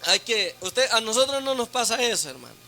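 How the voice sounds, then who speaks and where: A man preaching as a deacon in a sermon to a church women's meeting, teaching through rhetorical questions and frequent tag questions, going loud on questions and soft on asides. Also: extremely high pitch, very animated, brisk, vocal fry. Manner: speaks loudly on questions, then drops to a soft aside.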